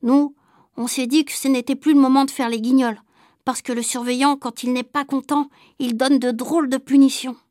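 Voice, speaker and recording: A woman reading a children's story aloud in a calm, lively storytelling manner. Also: high-pitched, moderate pace, dry recording, studio quality. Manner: calm, lively storytelling that drops soft for suspense. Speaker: narrator.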